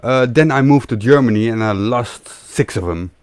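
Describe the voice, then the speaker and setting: A man's voice: mid-range voice, normal speed, a little mellow, dry recording. A man co-hosting a live stream in casual chat, friendly and moderating, reading out donations.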